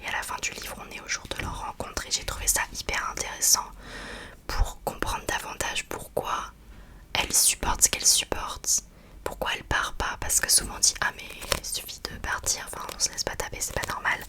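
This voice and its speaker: Woman whispering softly, ASMR book chat. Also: brisk. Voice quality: soft unvoiced library-like whisper. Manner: hesitant, informal, searching for words. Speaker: book review host.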